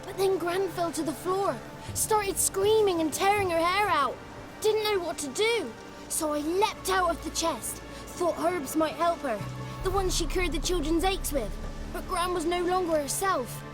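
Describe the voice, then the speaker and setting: A small, cheeky blue goblin. His voice sits high and keeps darting about as he frets through his tale. Loud game music plays behind him. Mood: fretful. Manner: folksy rustic storytelling, quick and fretful.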